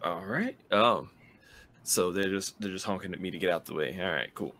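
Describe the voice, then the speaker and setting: A man's voice: sits low, normal speed, a bit bright. A man playing a tabletop role-playing game, hesitant and full of fillers as he explains what his character does. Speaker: player. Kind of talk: casual tabletop game play.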